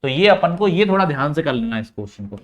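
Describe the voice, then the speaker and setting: A man's voice: a little high, big pitch swings, fast talker, dull audio. Man coaching students through maths steps. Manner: coaxing, repeats key steps, talks straight to students. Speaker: teacher. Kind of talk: chalkboard maths lesson.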